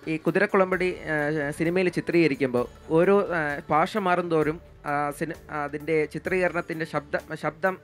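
A man's voice: on the high side, normal speed, soft background music. A teenage boy from Kerala answering an interviewer's questions, hesitant, with many fillers and restarts, his voice a bit blocked. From Kerala, India. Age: teens. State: voice feels blocked. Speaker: interview guest, mimicry artist.

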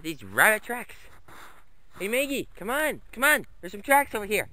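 Filming a walk through snowy woods on a handheld camera, a vlogger coaxes his dogs in a sing-song way. His voice is high-pitched, very animated, pushed and bright, at a moderate pace.

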